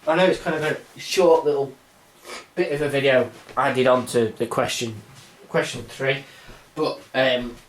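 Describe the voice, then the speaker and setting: A man's voice: mid-range voice, fairly even intonation, moderate pace, recorded from a distance, slight background noise. A young man talking through an exam maths problem in a casual, rambling way with self-mocking asides. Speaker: maths tutor. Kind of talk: informal exam walkthrough. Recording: roomy sound, mic set back.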